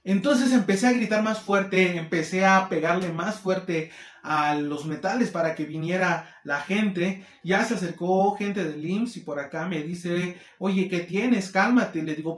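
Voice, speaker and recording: A man with a Mexican accent telling a casual storytime, animated and acting out the people he quotes. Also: sits high, measured pace. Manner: animated, acts out quoted people in shifting voices. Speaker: vlogger. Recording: roomy echo.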